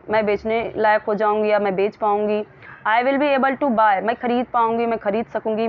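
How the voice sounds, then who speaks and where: Woman teacher going over english phrases, reads them out slow then explains, kinda dull lo-fi sound. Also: on the high side. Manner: explains each English phrase in Hindi, repeating and rephrasing; reads English sentences slowly, word by word. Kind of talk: explaining a lesson.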